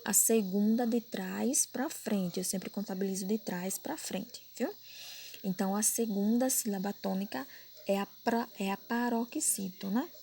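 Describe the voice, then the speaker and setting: A warm, gravelly, medium-pitched voice belongs to a primary school teacher with a Brazilian Portuguese accent. In a recorded grammar lesson she patiently repeats points and checks that pupils follow, against slight background noise.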